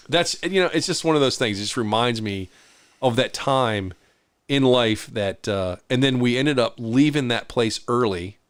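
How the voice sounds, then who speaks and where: A man's voice: mid-range voice, clean tone, no echo. A middle-aged man co-hosting a podcast, telling a story in casual chat and acting out the voices of the people in it. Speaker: podcast co-host.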